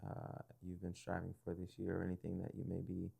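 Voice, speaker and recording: Low, creaky and husky, the young podcast host's voice suits his casual interview style. He stays relaxed and thoughtful, regularly affirming with a quick "yeah" and pausing on fillers.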